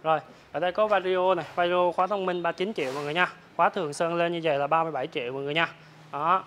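A young man with a southern Vietnamese accent giving an informal, repetitive hard-sell pitch as a motorbike salesman, reeling off prices for buyers. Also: rapid-fire, fairly bright tone. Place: large open-sided motorbike warehouse. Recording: clear ambient noise of open warehouse.

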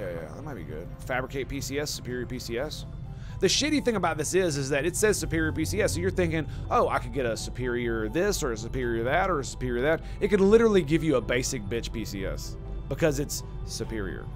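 A man casually commentating his strategy game on a live stream, swearing and groaning at his own mistakes. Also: mid-range voice.

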